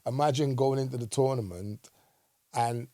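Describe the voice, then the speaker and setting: Gravelly-voiced man talking football. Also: medium pitch, normal speed, warm tone, no echo, clean studio sound. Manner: emphatic, asks "right?" often. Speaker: co-host, former footballer. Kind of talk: casual football chat.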